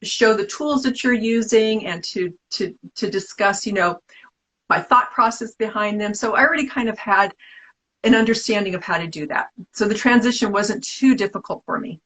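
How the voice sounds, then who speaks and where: A woman's voice: medium pitch, moderate pace, fairly bright tone, poor audio. A middle-aged woman artist from the Bay Area, talking casually and at length in an interview, with many restarts and fillers. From San Francisco Bay Area. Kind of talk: casual interview over a live video stream.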